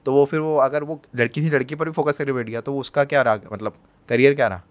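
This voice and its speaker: A man, a podcast guest telling stories in a casual, animated way and acting out the quotes. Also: mid-range voice, quick pace. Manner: animated storyteller, acts out quotes, laughs often. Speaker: podcast guest, content creator.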